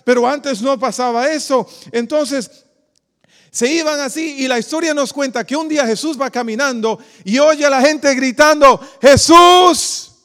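A man's voice: extremely high pitch, moderate pace, a bit bright, in a large hall. A pastor from the Republic, preaching a sermon and quizzing his congregation with questions. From Dominican Republic. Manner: preacherly, asks the congregation questions, calls them "queridos".

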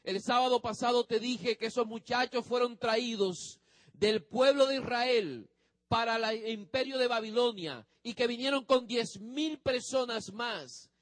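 A man's voice: very high-pitched, measured pace, a bit bright, no echo. A male pastor preaching a sermon, speaking emphatically to the congregation and drawing out the ends of phrases.

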